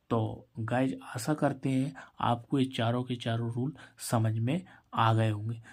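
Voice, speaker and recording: A man's voice: medium pitch, darkish tone. A man teaching English pronunciation, spelling words out letter by letter and answering his own questions. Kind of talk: Hindi-language English lesson.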